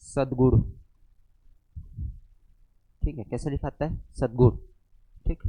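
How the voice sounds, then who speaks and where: A man's voice: medium pitch, steady tone, takes it slowly, dark tone, husky, dry recording. A man teaching a grammar lesson to a class, checking spellings with short questions and answers. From central India. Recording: dull lo-fi classroom recording.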